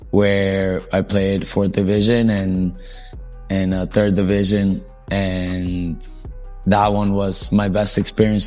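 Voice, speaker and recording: A young man born in Colombia, a soccer coach, telling his life story in a casual interview, relaxed and rambling with frequent ums. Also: fairly low pitch.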